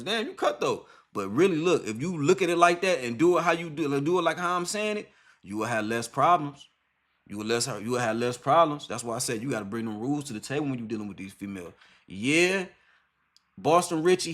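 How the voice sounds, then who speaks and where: A man's voice: high voice, fairly bright tone. A young man talking off the cuff in an interview, emphatic and repetitive, with heavy slang and profanity. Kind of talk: casual unscripted monologue.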